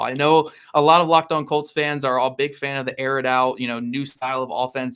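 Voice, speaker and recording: A man's voice: mid-range voice, fairly bright tone. A man appearing as a guest on a sports podcast, making emphatic points about football and repeating them for weight. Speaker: guest analyst. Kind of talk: casual sports podcast chat.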